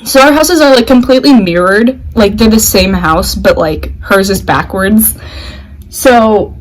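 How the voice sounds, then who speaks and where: A woman's voice: mid-range voice, a little slow, rough recording. A young woman chatting casually with friends, giggly and dramatic, full of exclamations. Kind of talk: casual chat.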